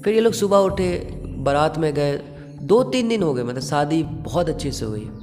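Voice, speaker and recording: Male horror storyteller, fairly high voice, long reverb, soft music under. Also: sing-song, normal speed. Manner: conversational, dramatic, hushed in tense moments.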